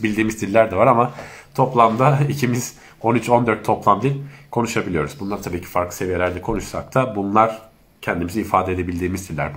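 A man's voice: on the low side, a bit bright. A man with a congested, stuffy nose from allergies, speaking as he politely hosts a casual live-stream chat. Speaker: host of an online live chat.

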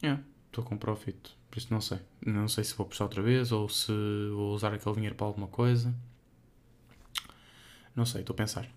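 A young adult man with a European Portuguese accent co-hosts a podcast, chatting casually and informally with lots of slang. His voice is on the low side, level in tone and brisk.

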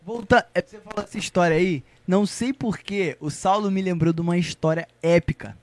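A young Brazilian man jokes and teases his friends on a casual podcast. His voice sits high, and his speech is loose and slangy. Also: a little fast, a little mellow. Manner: joking, teasing, slangy. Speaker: podcast co-host.

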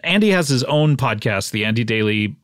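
A man's voice: medium pitch, lively intonation, fairly quick, a bit bright, dry recording, clean studio sound. A man hosting a comedy podcast, laughing often and teasing his co-host in casual chat. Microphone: studio mic.

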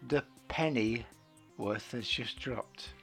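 A man's voice: mid-range voice, slow, vocal fry, a bit bright, soft background music. A man co-hosting a casual radio chat, bantering and asking quizzical questions. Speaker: co-host.

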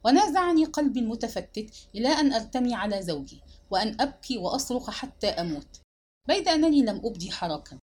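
A woman reading a dramatic novel aloud with an emotional, expressive delivery. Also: fairly high pitch, fast, husky. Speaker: audiobook reader.

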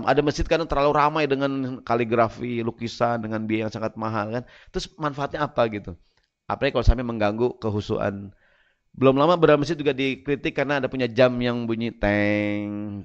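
A man's voice: medium pitch, muffled recording. A man preaching a sermon to a congregation, joking and asking the crowd questions.

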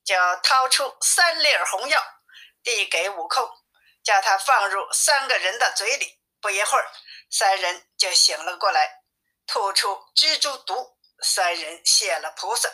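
A woman reading a classic tale aloud as a storyteller, in a plain, even manner. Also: medium pitch, unhurried.

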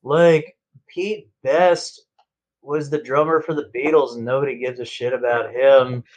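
A man's voice: mid-range voice, steady tone, measured pace, highs cut off. A man co-hosting a casual podcast chat, ranting with lots of swearing. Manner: ranting, profane. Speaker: podcast co-host.

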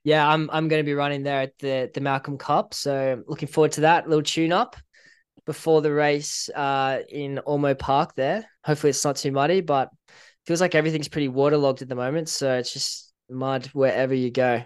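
A Northern Irish man co-hosting a casual podcast, chatty and relaxed, with frequent fillers and small laughs. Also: a little high, fairly quick, smooth, dry recording, clean studio sound. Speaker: podcast co-host.

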